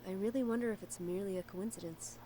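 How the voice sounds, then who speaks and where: An actress playing a polite, earnest adventuring companion in a video game, speaking in a measured, formal way. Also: female voice, medium pitch, noisy background, lightly acted. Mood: earnest, curious. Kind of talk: game voice acting.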